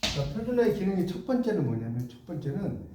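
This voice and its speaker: A man's voice: high-pitched, very animated, brisk, recorded from a distance, background noise. Man dictating a lecture in an echoey classroom. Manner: dictates notes, repeats key phrases, checks understanding with questions. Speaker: teacher. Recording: echoey room, voice from off-mic.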